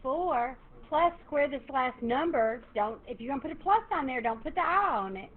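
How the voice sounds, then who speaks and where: A woman math teacher, lecturing her class in a lively, encouraging way and quizzing students. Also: high voice, normal speed. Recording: tinny phone-like classroom recording, faint hiss.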